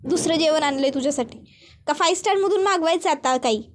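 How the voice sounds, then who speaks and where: Lady doing a snarky lady cop, mocking tone, high voice. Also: quick pace, lightly acted. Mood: sarcastic. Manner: mocking, sarcastic. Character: sarcastic woman police constable.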